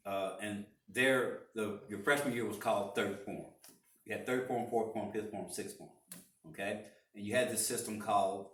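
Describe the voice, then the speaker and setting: A man's voice: fairly low pitch, a bit bright. A man in his sixties telling stories in a rambling way, with many restarts and fillers, during a church interview. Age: 60s. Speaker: interviewee, parishioner. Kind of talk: casual interview storytelling. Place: church room. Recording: echoey room, far from mic.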